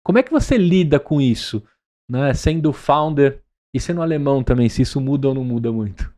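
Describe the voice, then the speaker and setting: A São Paulo-accented Brazilian podcast host asks long, chatty questions in a conversational interview, often closing them with a tag question. His mid-range voice is warm and brisk with lively intonation.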